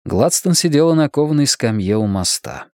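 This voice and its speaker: A man's voice: on the high side, lively intonation, normal speed, a little mellow, no room sound, studio quality. A man reading a novel aloud as the first-person narrator, telling the story expressively. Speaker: audiobook narrator.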